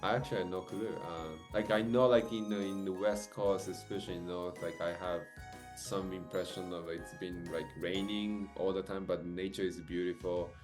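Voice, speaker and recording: A man's voice: sits low, steady tone, normal speed, over music. A man who grew up in Japan, interviewing a guest in a rambling, casual way with many fillers and restarts. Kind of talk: casual video-call interview.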